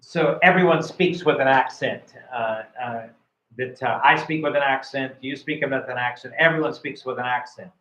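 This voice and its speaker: A man's voice: mid-range voice, normal speed, a bit bright, reverberant, rough recording. Rambling American man coaching speaking. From United States. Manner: rambling, many fillers and repeated words. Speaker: IELTS speaking tutor. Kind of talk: casual live coaching.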